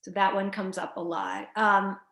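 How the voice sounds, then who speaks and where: A woman's voice: mid-range voice, moderate pace, creaky. Woman, middle-aged, career coach, casual webinar talk, lots of ums, echoey room. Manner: relaxed, many fillers and restarts. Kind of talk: conversational webinar presentation.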